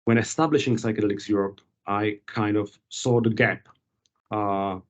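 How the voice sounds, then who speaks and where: Low-voiced man on a call. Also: steady tone. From Czech Republic. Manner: measured, formal policy explanation. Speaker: guest, policy advocate. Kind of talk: interview over a call. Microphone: video call.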